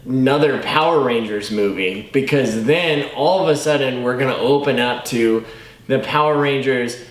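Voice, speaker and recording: A man's voice: mid-range voice, moderate pace. A man co-hosting a casual movie review, speaking informally and approvingly in mild language. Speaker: co-host of a movie review show. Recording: roomy, echoey room.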